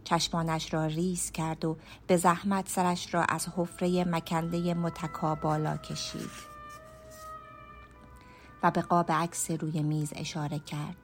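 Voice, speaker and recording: Low-voiced woman narrating a hushed radio story. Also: little pitch movement, soft background music. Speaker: storyteller and writer.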